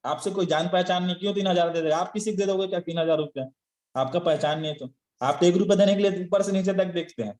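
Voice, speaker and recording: Guy with a high voice giving a pep-talk lesson, scolding with lots of rhetorical questions, roomy echo. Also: a little mellow. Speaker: network marketing trainer. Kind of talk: motivational training talk. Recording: echoey room.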